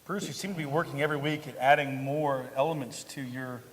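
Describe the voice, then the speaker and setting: A man's voice: mid-range voice, steady tone, fairly quick. A man bantering dryly with a joke-teller during a church service. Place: church sanctuary. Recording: distant mic, long reverb, faint noise.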